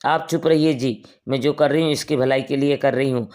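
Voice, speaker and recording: A man's voice: mid-range voice, steady tone, a little fast, a little mellow, close to an everyday voice. A man voicing a harsh stepmother in a storybook tale, sternly scolding and nagging.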